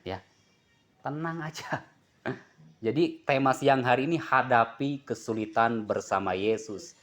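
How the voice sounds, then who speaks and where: A male preacher delivers a chatty sermon. He jokes and keeps asking his listeners questions, and his voice sits at an ordinary middle pitch. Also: measured pace. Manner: lively, jokes and asks the congregation questions. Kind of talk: sermon with congregation responses.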